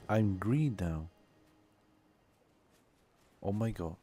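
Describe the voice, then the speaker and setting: A man's voice: fairly low pitch, animated, drawn-out words, mellow, faint music behind. A man whose first language is Turkish, chatting casually with viewers while streaming a game and musing aloud.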